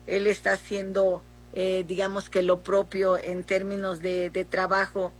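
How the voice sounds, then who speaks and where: A middle-aged Mexican woman senator answering in a political interview, speaking haltingly with many fillers and restarts. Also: medium pitch, completely flat delivery. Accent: Mexican Spanish.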